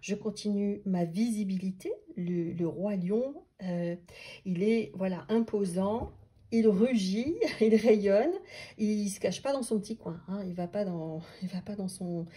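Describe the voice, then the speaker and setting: A woman coach explaining a tarot practice in an unscripted talk, pausing to rethink her words and sometimes dropping to a near-whisper. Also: medium pitch, warm tone, slightly rough. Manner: thoughtful, restarts often, drops to near-whispers.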